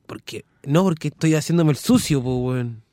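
High-voiced Chilean radio co-host. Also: male voice, expressive, normal speed, dark tone, dry recording, studio quality. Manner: reading listener messages aloud, stumbling and restarting. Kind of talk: casual late-night radio chat. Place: community radio studio.

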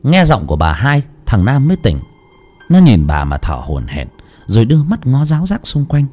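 A man tells a village horror story with dramatic relish. His voice is dark and husky, swooping widely in pitch. Soft music plays beneath him. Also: huge pitch swings, moderate pace. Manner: dramatic, lurid.

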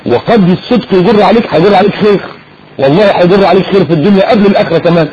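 A man with an Egyptian Arabic accent giving a colloquial sermon, swinging from loud to hushed and acting out little dialogues. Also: high voice, racing, lo-fi sound, over a noisy crowd. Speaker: preacher.

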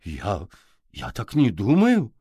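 A man's voice: lowish voice, wildly swooping pitch, slow pace, dark tone, husky, dry recording, clean studio sound, exaggerated voice. A man voicing a nervous, evasive older woman librarian who hesitates.

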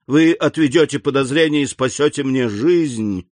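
A man's voice: medium pitch, normal speed, no echo, close to an everyday voice. A man voicing a desperate young male fugitive who begs for help and then turns coolly scornful. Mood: pleading. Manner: frantic begging, later cool scorn.

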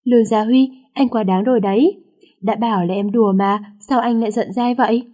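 A feisty young woman complains indignantly, as a woman narrator reads her. The voice is mellow and unforced. It stays plain and storybook-like. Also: fairly high pitch, steady tone, brisk, natural voice. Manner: indignant, reproachful.

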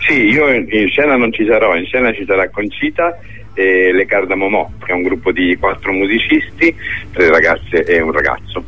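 A low-pitched man speaks over a thin, phone-like radio line with a little hiss or hum. Interviewed on radio as a theatre director, he talks conversationally at a moderate pace, frequently hesitating while he hunts for the right words.

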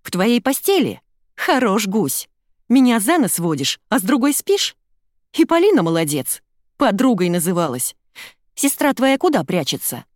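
A woman reading the part of a hurt, furious young woman who shouts accusations at her boyfriend. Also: sing-song, moderate pace, dry recording, studio quality. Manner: shrill, raised, accusing.

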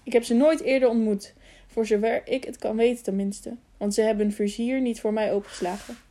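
A woman's voice: on the high side, steady tone, a little fast, dark tone, close to an everyday voice. A woman reading the part of an earnest, puzzled young male squire in an audiobook. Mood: urgent questioning.

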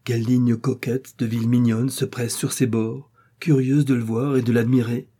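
A man reading an old moral tale aloud as a measured, literary narrator. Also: mid-range voice, level tone, warm tone, breathy edge. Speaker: audiobook narrator. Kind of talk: scripted narration.

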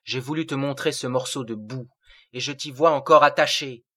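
A man's voice: medium pitch, normal speed, fairly bright tone, husky. A man voicing a sorrowful, otherworldly seraphic being who speaks in solemn, lofty declamation. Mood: exalted.

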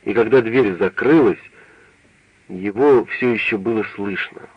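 Low-voiced man reading a novel. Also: measured pace, breathy edge, no echo. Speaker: narrator. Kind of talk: literary audiobook reading. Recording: dull, dry radio recording.

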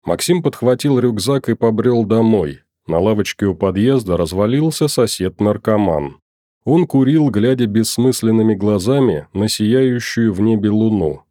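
A man reading an audiobook in an even, measured voice. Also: lowish voice, dry recording, clean studio sound. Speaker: narrator.

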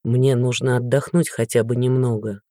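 Man doing a grim worn-out dad, low flat hollow voice, bitter. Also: normal speed, no room sound, clean studio sound, lightly acted. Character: stern weary middle-aged father, bitter.

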